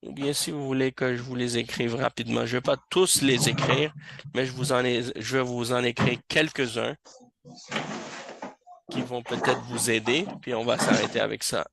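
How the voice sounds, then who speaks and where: A man teaching an Arabic reading class in a mosque, explaining slowly and patiently and repeating words so students catch the pronunciation. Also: medium pitch, steady tone, gravelly, fairly bright tone, a little hiss or hum.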